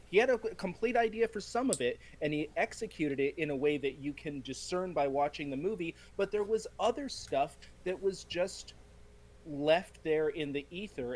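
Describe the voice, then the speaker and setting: A man in a casual film discussion who argues his points with animated storytelling. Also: on the high side, normal speed, rough recording. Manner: animated storyteller who acts out quoted lines. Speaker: podcast panelist.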